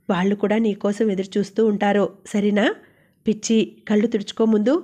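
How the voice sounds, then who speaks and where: A woman's voice: mid-range voice, mellow, close to an everyday voice. A woman doing a teasing young roommate. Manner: teasing, fussing.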